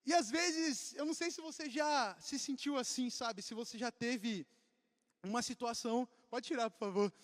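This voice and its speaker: A young Brazilian man preaching a casual, joking youth sermon to a crowd. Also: very high voice. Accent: Brazilian Portuguese. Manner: joking, animated, addresses the crowd. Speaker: youth pastor. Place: church auditorium. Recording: long hall reverb.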